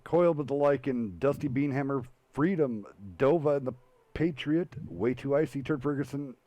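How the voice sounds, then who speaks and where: A man hosting a weekly online tank match show, calmly announcing players and giveaways. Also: medium pitch, normal speed, no echo. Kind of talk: esports commentary.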